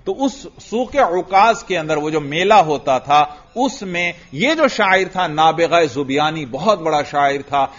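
A man giving a classroom lecture on Arabic grammar as a religious teacher, chanting verses slowly and putting questions to his students. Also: fairly high pitch, expressive, fairly bright tone. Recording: dull lo-fi lecture recording.

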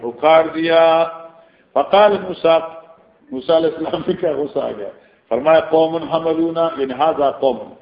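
Pakistani male teacher, fairly high voice, explains line by line with anecdotes, dull recording. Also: echoey room. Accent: Pakistani Urdu. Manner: explains Arabic text line by line in Urdu, with storytelling asides. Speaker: hadith teacher. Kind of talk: classroom lecture on scripture.

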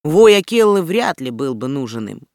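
An audiobook narrator reading a story aloud in an even, measured way. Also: medium pitch, dry recording, studio quality.

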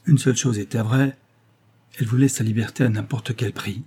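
A man narrating a novel as an audiobook, in a measured, even storytelling manner. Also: medium pitch, husky.

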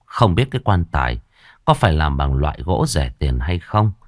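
Deep-voiced man narrating a horror story. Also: normal speed, dry recording, studio quality. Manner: dramatic, expressive.

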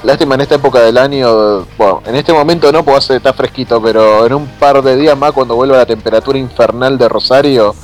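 A man's voice: medium pitch, fast talker, hardly any pauses, soft background music. A man with an Argentine accent, co-hosting a podcast in joking, teasing banter. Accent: Argentine Spanish. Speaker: podcast co-host. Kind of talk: casual chat.

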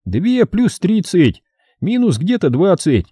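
A man voicing a panicky, rough-tongued sapper who shouts crude words in an audiobook. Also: high voice, sing-song, takes it slowly, no room sound, studio quality, voice pushed up, heavily acted. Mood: frantic. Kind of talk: audiobook character reading.

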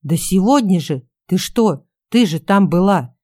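Casting: a woman doing a cornered, whiny male photographer, mellow, dry voice. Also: on the low side, lively intonation, measured pace, dry recording. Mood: indignant. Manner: whining, sputtering complaints.

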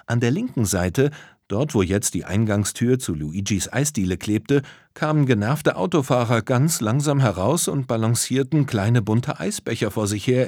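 A man narrating a children's audio story in a lively storytelling manner. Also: mid-range voice, slightly rough, no echo, studio quality.

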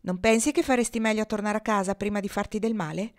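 A tiny boy riding on a goose's back, read by a woman. He talks gently and reasonably, close to the reader's own voice. A storybook reading. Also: medium pitch, fairly even intonation, fast talker, lightly acted. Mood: gentle.

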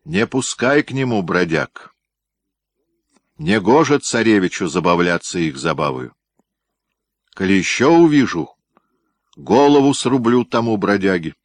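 A wrathful aging tsar barks orders in a dark, low voice lifted into command, as a male narrator plays him. He speaks raised and forceful, quick to anger. The recording is close and dry. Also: big pitch swings, no echo, full character voice. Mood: stern.

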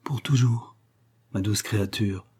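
A man reading the part of a young man deeply moved by love, speaking in an earnest, emotional way in an audiobook. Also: normal speed, warm tone, husky, close to an everyday voice.

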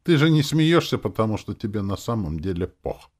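A man voicing a snarky, sharp-tongued young female demon in an audiobook, grumbling and sarcastic. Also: lowish voice, sing-song, brisk, voice pushed up. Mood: mocking. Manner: sarcastic, grumpy, shrieks when upset. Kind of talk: audiobook character voice.

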